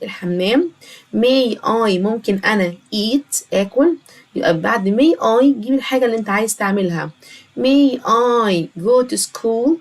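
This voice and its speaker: Egyptian woman teaching children English. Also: medium pitch. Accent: Egyptian Arabic. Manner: slow, drawn-out repetition of English words.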